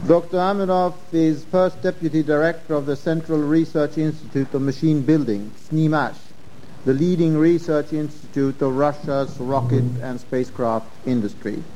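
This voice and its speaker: A man chairing a session gives a formal conference introduction, hesitant and pausing between phrases. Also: fairly high pitch, steady tone, mellow, dull audio, slight background noise.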